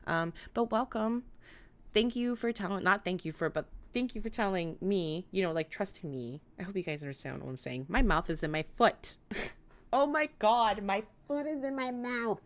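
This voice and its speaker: A woman with a speech impediment that turns her R's toward W, chatting casually and excitably to viewers as a livestream host, in a rambling, giggly way. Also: mid-range voice, moderate pace. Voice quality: speech impediment, weak R sounds like W. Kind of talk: casual live chat with viewers.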